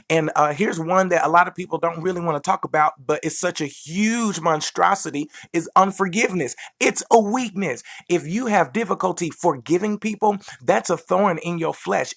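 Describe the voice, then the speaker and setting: A man's voice: fairly high pitch, fairly bright tone. A man preaching a livestreamed sermon with rising fervor, repeating phrases for emphasis and talking straight to his viewers. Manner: addresses viewers directly as "y'all". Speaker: pastor.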